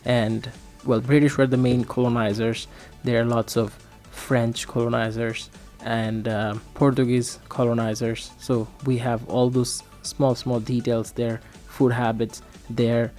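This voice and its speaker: A man from Bangladesh, a radio guest explaining at a measured pace with many fillers. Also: mid-range voice, little pitch movement, darkish tone, faint music behind. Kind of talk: casual explanation.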